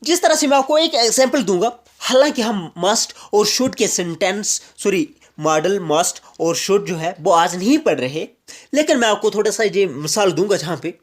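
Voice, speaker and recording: In his grammar lecture, a high-pitched teacher from Jammu and Kashmir explains each point and then repeats it slowly, using English examples.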